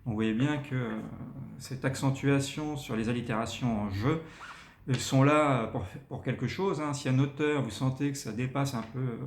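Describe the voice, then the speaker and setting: A man's voice: moderate pace, a little hiss or hum. Man teaching intonation, echoey room. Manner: demonstrates readings with big rises and falls in pitch; many fillers and checks with listeners. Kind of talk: explaining text intonation to learners.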